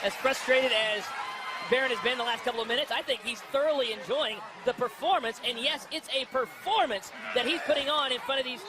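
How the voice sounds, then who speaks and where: Fast, very high-pitched male wrestling commentator. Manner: opinionated, insistent, forceful advice. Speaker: wrestling analyst commentator, called Coach. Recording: loud arena crowd noise. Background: roaring crowd in an arena.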